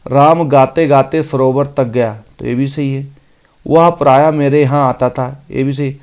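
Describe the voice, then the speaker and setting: A man teaching an exam-prep grammar lesson, reading each sentence out slowly and then explaining it briskly. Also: mid-range voice, darkish tone. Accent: Hindi.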